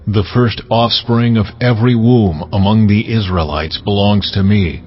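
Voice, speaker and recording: A man playing God as a solemn, commanding deity who lays down law deliberately in a dramatized scripture reading. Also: fairly low pitch, muffled recording, natural voice. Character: God, solemn male deity giving laws.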